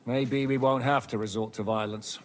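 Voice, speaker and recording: An actor playing a mercenary captain in a game, giving brisk orders. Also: male voice, mid-range voice, fairly even intonation, close to an everyday voice. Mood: commanding. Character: commanding mercenary captain, man.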